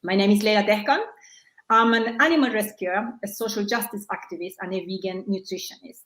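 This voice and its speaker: A woman from Iran hosting an online panel discussion, speaking in a friendly, measured way with frequent fillers. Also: mid-range voice, fairly bright tone, reverberant, low-quality recording. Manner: friendly, measured, with many "you know" fillers. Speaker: panel moderator.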